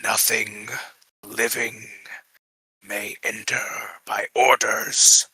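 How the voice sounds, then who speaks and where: A man voicing a ghostly undead guardian in a tabletop game, with an unearthly, imperious, menacing and drawn-out delivery. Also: lowish voice, flat delivery, sharp tone, slightly rough, dry recording, full character voice.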